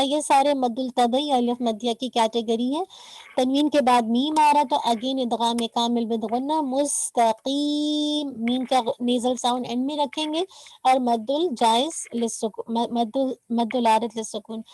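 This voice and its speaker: Woman tajweed teacher, pretty high voice, dry close sound, patient and corrective. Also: a little mellow, no echo, poor audio. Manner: patient, corrective, mixes English terms. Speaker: Quran recitation teacher. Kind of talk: online tajweed lesson.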